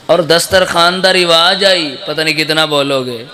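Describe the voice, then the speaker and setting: A man's voice: fairly high pitch, bright, forceful tone. A man with a Punjabi accent giving an impassioned majlis sermon, breaking into sung lines and urging the gathering to respond. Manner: impassioned, urges the crowd to respond. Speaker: zakir, religious orator. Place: live gathering hall.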